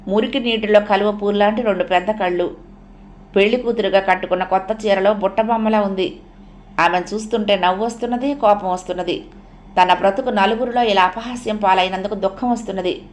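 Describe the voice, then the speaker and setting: A woman reading a novel aloud as an audiobook narrator, in steady scripted narration. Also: mid-range voice, a little fast.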